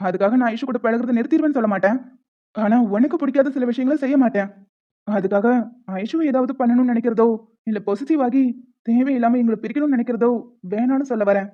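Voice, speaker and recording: A woman voicing characters in an animated story, talking in an earnest, reasoning way. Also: fairly high pitch, fast talker. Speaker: narrator voicing the male lead and others. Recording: tinny phone-like sound.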